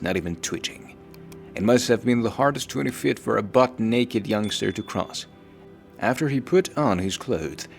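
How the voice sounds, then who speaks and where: Low-voiced man narrating a story.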